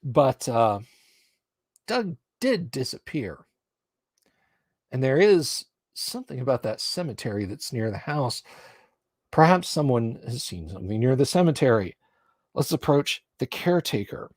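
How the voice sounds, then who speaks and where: A man with a mid-pitched voice acts as game master on a live stream. He reads scenario text aloud and comments on the rules, recorded close and very dry. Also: very animated, a little slow, pauses often, darkish tone, no room sound.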